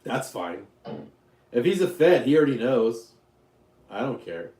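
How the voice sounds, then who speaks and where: A man's voice: medium pitch, very animated, measured pace, dark tone, echoey room. A man from Utah hosting a casual live stream, rambling, joking and answering questions from his chat. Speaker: YouTube livestream host.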